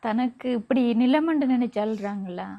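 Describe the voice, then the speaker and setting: A woman vlogger with a Sri Lankan Tamil accent, gently soothing and reassuring a family as she talks with them at their home. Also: a little high, lively intonation, moderate pace, dull audio. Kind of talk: casual conversational interview.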